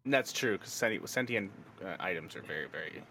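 A man's voice: low voice, expressive, brisk, gravelly, bright, forceful tone. Guy cohost with dry trailing jokes, faint room noise behind. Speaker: podcast co-host. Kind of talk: casual chat.

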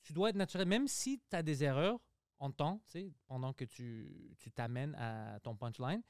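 A man's voice: fairly high pitch, lively intonation, normal speed, dry recording, studio quality. A man explaining his views as a comedian guest in a casual podcast chat.

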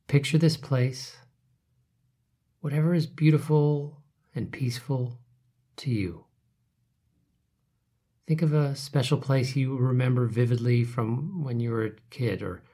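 A man leading a guided relaxation meditation, speaking softly and calmly, his phrases trailing off into whispers. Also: medium pitch, a little slow, pauses often, slightly rough. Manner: soft, calm, trailing off to whispers.

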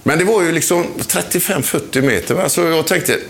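An older man who used to play football tells a chatty anecdote about an old match, laughing often as he goes. His voice is fairly high and fairly bright, with vocal fry, and there's slight background noise.

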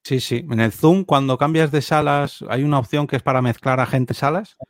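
A man's voice: mid-range voice, fairly even intonation, moderate pace, no echo, studio quality. A man co-hosting a casual podcast, telling rambling stories that keep breaking off and restarting. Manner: rambling, self-interrupting storyteller.

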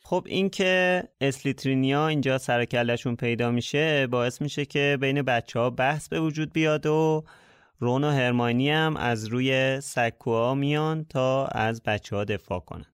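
A man's voice: mid-range voice, smooth, no echo. Man explaining a book, dry sound. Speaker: podcast host. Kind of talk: book discussion.

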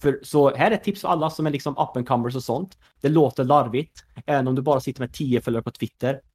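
A man's voice: mid-range voice, a little mellow, slightly rough. Chatty Swedish man in his thirties. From Sweden. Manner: chatty, filler-heavy, lots of "you know" asides. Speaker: former pro gamer turned esports executive. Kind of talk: casual podcast conversation.

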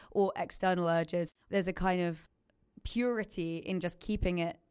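A woman hosting a podcast interview, talking in a thoughtful, measured way. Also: lowish voice, a little mellow, smooth. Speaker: podcast host. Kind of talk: casual interview chat.

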